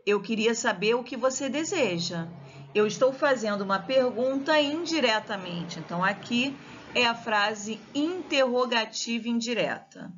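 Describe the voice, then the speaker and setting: A woman's voice: a little high, expressive, a little slow, fairly bright tone, lo-fi sound, slight background noise. A woman teacher with a Brazilian Portuguese accent giving a grammar lesson and explaining step by step. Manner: explains step by step, checks with students.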